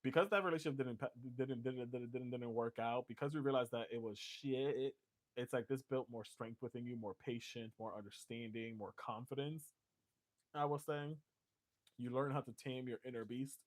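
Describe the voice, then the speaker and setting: A man's voice: mid-range voice, steady tone, normal speed. Brief: male tarot reader, casual and jokey, swears freely. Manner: loose, joking, swears, laughs often.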